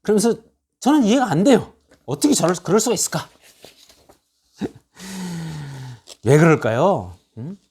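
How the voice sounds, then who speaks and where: This pastor's voice sits on the high side, expressive and a little mellow yet husky, and he speaks unhurriedly with frequent pauses. Quoting scripture aloud in an expository sermon, he presses his argument through rhetorical questions and lists he repeats.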